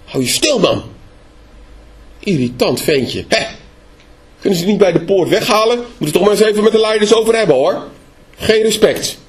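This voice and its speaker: A man voicing a haughty, pious male bystander who condescendingly scolds a beggar to be quiet. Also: high-pitched, animated, normal speed, long pauses. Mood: irritated.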